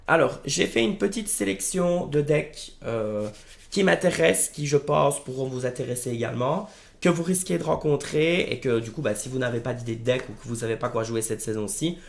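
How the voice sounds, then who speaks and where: A man with a hoarse, gravelly voice talks casually to his viewers. He sounds worn and strained in the throat, with plenty of creak, as he presents game strategy in an informal, familiar way. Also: mid-range voice. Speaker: video creator presenting card game decks. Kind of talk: casual gaming video commentary.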